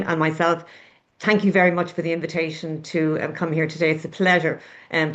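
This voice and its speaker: A woman, the director of an institute, giving a measured and courteous formal welcome on a webinar. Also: lowish voice, fairly bright tone. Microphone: video call. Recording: dull lo-fi video call audio.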